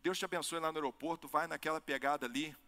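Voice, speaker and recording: Man, pastor, impassioned sermon, high bright voice, long hall reverb. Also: fairly even intonation, fast. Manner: impassioned preaching, swings between loud peaks and low emphasis.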